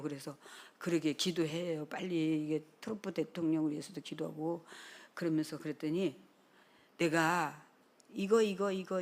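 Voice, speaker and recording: A middle-aged woman pastor preaching a sermon, telling stories with lively acted-out dialogue, sometimes dropping to a whisper and then rising loud. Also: low voice. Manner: animated storytelling, acts out dialogue, drops to a whisper and then bursts loud.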